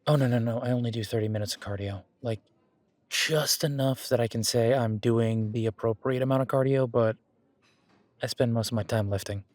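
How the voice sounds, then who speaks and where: In a casual, one-sided roleplay, a man plays an easygoing werewolf who's into the gym and backs his partner, speaking at a medium pitch, a little fast and steady in tone. His voice is a little mellow and lightly acted as he reassures and rambles through corrections. It's recorded very dry, with almost no room around it.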